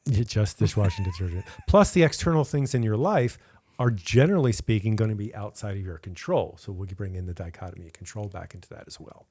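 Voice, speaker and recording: A man's voice: fairly low pitch, expressive, fast, dark tone. A man co-hosting a casual podcast chat, who laughs easily and often restarts his sentences. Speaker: podcast co-host.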